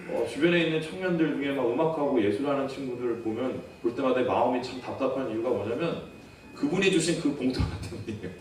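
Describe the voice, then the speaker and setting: A man's voice: mid-range voice, a little hiss or hum. A man in his thirties preaching a sermon as pastor, earnest and storytelling, asking the congregation rhetorical questions. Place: church sanctuary. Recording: echoey church hall from far off.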